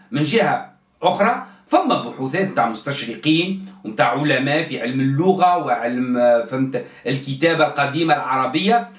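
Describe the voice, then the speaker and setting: A man with a Tunisian accent explaining things casually, acting out pronunciations and often checking that listeners follow. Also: a little high. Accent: Tunisian Arabic. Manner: animated, acts out dialect pronunciations, keeps asking "understand?". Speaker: channel host explaining religious history. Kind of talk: casual explanatory talk to camera. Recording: roomy echo, voice from a distance.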